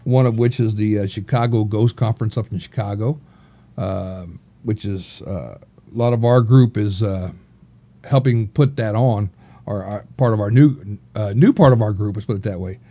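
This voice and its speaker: Mellow guy hosting a podcast, kinda hesitant, dull lo-fi audio. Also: lowish voice, moderate pace. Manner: hesitant, lots of fillers. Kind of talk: casual podcast chat. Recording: dull lo-fi sound.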